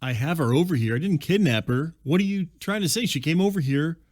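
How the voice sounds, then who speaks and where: A man's voice: on the high side, lively intonation, brisk, darkish tone, no room sound, studio quality. A man hosting a scripted comedy podcast, narrating and talking in a mild, apologetic, conciliatory way. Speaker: podcast host.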